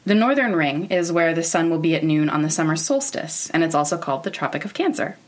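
Low-voiced American woman, informal and wry. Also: expressive, quick pace. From Oregon, United States. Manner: informal, wry, candid with casual swearing. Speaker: podcast host. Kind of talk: semi-scripted educational narration about space history.

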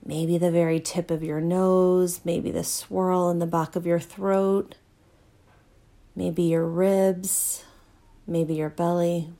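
Slow, soothing woman guiding meditation. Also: lowish voice, little pitch movement, dark tone. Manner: slow, soothing, unhurried guidance. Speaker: mindfulness teacher. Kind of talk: guided breathing meditation.

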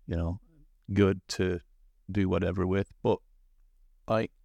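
A man's voice: low-pitched, fairly even intonation, slow pace, vocal fry, dark tone, no echo. Rambling, stop-start English man on a podcast. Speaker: podcast guest, former co-host. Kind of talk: casual chat.

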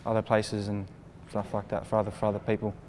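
A man's voice: lowish voice, completely flat delivery, quick pace, darkish tone, a little hiss or hum. A young Australian man of twenty-five speaking hesitantly on a youth panel. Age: 20s. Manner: hesitant, many fillers. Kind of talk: casual discussion.

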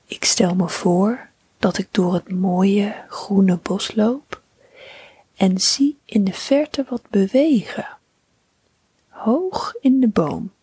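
A woman reading a bedtime story for children in a soft, whispering, soothing voice. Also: medium pitch, husky, dry recording. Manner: slow, soothing, calm.

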